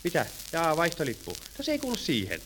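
A man's voice: a little high, huge pitch swings, fairly bright tone, a little hiss or hum. A man singing and playing a fussy old-time tram conductor who scolds passengers, on an old archive record with music. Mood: scolding. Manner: sings, then scolds passengers in quick patter. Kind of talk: 1930s comic song with spoken patter.

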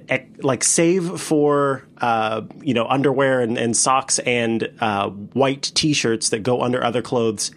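Guy chatting on a podcast, rambly and animated, lots of ums and restarts. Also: medium pitch. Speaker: podcast panelist. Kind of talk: casual chat.

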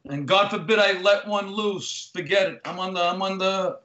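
A man in his late fifties with a New Jersey accent, a guest on a talk show, complaining in animated comic banter. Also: high voice, normal speed. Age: 50s. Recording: echoey room on a lo-fi line.

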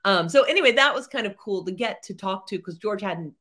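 A middle-aged theatre performer appears as a podcast guest in a casual interview, rambling animatedly with lots of fillers and laughter. She speaks at medium pitch and a little fast.

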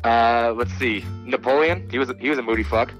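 A man's voice: mid-range voice, fairly quick, soft background music, poor audio. A man calling in as a quiz contestant, laid-back and laughing, cursing casually as he guesses. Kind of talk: casual chat.

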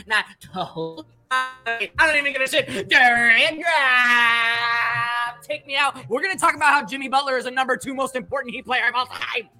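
A man on a sports panel talks in a very bright, sharp voice. He is tipsy and rambles profanely in a casual chat, with faint music underneath. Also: very high voice. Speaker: podcast panelist.

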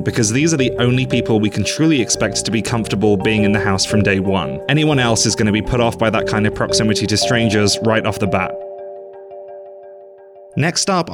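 A man hosting a podcast, reading scripted narration in a measured, explanatory way. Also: lowish voice. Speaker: podcast host.

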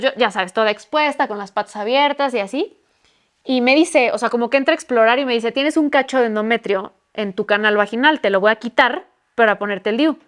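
A woman's voice: fairly high pitch, smooth. A woman in her twenties with a Mexican accent, telling a personal story on a podcast in candid, slangy speech. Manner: candid, slangy, swears freely, acts out quotes. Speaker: podcast guest. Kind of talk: casual storytelling.

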